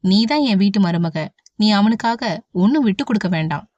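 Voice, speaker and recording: A man's voice: sits high, animated, moderate pace, a little mellow, no echo. Woman reading as a stern stubborn father. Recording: dull, dry audiobook recording.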